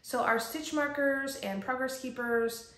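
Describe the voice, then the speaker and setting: A woman in her forties, a shop owner, hosts a casual podcast from an empty home office with bare walls, so the room sounds echoey. Her high, slightly bright voice is steady and unhurried, and she's chatty with lots of ums.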